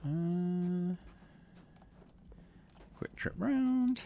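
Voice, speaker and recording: Switching between easygoing commentary and reading the game's story text aloud, a man hosts a playthrough for his gaming channel. His mellow voice sits high, and he draws out his words.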